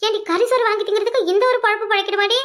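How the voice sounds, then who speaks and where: A woman playing a shrill scheming old mother-in-law. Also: steady tone, rapid-fire, a bit bright. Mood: scolding. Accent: Kanyakumari Tamil.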